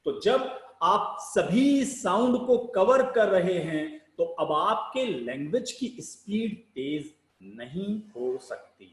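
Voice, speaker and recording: A man teaching public speaking in a slow, deliberate lecture, asking rhetorical questions and spelling out sounds one by one. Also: high voice, expressive, echoey room, poor audio. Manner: rhetorical questions, emphatic rises and sinking ends.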